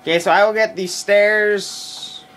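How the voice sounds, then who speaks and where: A man's voice: sits high, steady tone, unhurried, a bit bright, a little hiss or hum. A man in casual chat while playing a zombie shooter with a friend, joking and swearing. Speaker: gamer.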